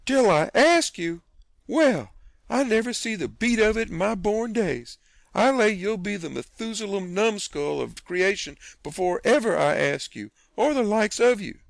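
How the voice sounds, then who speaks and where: A man voicing an indignant, sharp-tongued middle-aged farm woman who scolds in a shrill, drawn-out way. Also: lively intonation, gravelly, dry recording. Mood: scolding.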